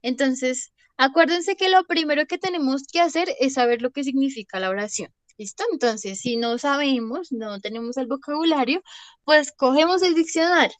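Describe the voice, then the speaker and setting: A woman's voice: high-pitched, normal speed, dry recording. A young woman, an English teacher giving an online class on video call, patient and always checking with "¿listo?".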